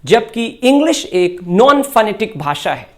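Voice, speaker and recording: Woman teacher with an Indian accent, slow scripted lesson narration, plain mid-range voice. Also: mid-range voice, very animated. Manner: slow, deliberate explanation. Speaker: English teacher.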